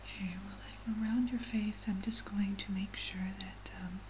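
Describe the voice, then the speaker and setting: A woman in a soft, breathy whispered role-play as a medical examiner, giving gentle, reassuring instructions. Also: mid-range voice, flat delivery, normal speed. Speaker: ASMR performer playing a medical examiner. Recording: clearly audible background noise.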